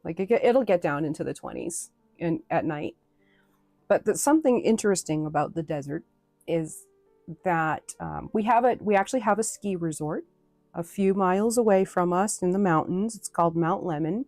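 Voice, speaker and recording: A woman's voice: on the low side, animated, moderate pace, darkish tone, no echo, faint music behind. A woman from New England chatting casually with viewers on a live stream, rambling with lots of fillers and restarts.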